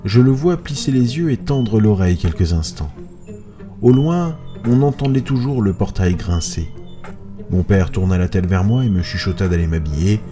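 A man narrating a first-person horror story in a hushed, suspenseful way. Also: low voice, lively intonation, normal speed, over music.

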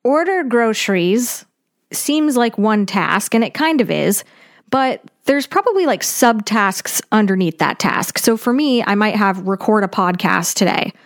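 A woman's voice: mid-range voice, lively intonation, measured pace. A young woman with a mid-range voice gives casual advice on her own. She sounds upbeat and practical, like a tidy organiser passing on tips. Her phrasing is chatty and informal, as a podcast host talking straight to listeners. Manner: informal, peppered with "like". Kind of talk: casual solo advice monologue.

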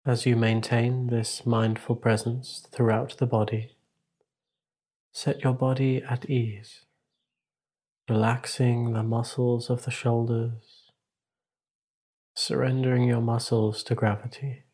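In a steady, almost flat-pitched voice with a touch of huskiness, a male meditation teacher leads a practice. He speaks calmly and deliberately, giving brief instructions followed by long silences.

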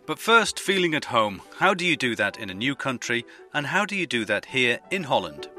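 A male podcast host with a very bright voice and a lively pitch that rises and falls. He asks brisk questions and narrates between interviews. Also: soft background music, some chatter behind. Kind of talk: street interviews and scripted narration.

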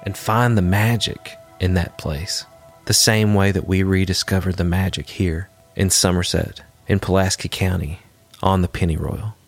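A man hosting a podcast, reading scripted narration in a measured, earnest way. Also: low voice, steady tone, vocal fry. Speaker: podcast host. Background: music.

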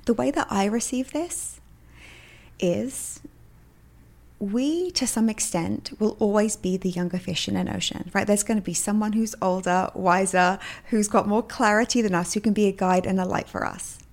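An upbeat woman hosts her solo self-help podcast and laughs often as she talks. Her pitch sits in an ordinary middle range. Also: normal speed, vocal fry, darkish tone. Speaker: podcast host.

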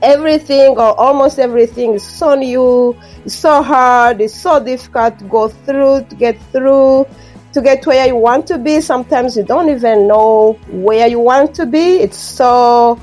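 Light music sits behind this Rwandan guest author, a native Kinyarwanda speaker, during an interview conversation. Her fairly high, darkish voice is earnest, and she repeats her phrasing and fills pauses with frequent ums.

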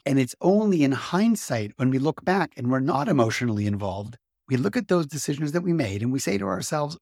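Male podcast host, mid-pitched, earnest and explanatory, dry close recording. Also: no room sound. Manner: earnest, explanatory, steady delivery. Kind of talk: lecture-style podcast talk.

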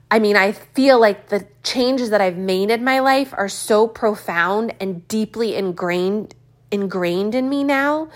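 Slow-talking woman in her forties. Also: mid-range voice. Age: 40s. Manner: candid and earnest, thinking aloud with pauses and fillers. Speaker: vlogger. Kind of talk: reflective personal vlog.

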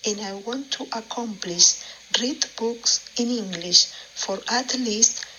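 Brief: woman, mid pitch, bright, faint room noise. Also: takes it slowly, low-quality recording. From Argentina. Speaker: listener.

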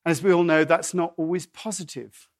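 Middle-aged English-born pastor, high-pitched, chatty and digressive sermon delivery. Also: male voice, steady tone, moderate pace. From England. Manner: conversational, digressive, with restarts and asides.

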